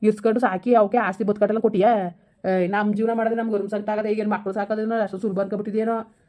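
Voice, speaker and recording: A woman's voice: mid-range voice, little pitch movement, very fast, dark tone, close to an everyday voice. A woman playing a stubborn village sister-in-law, talking in a scolding, argumentative way. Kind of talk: village skit acting.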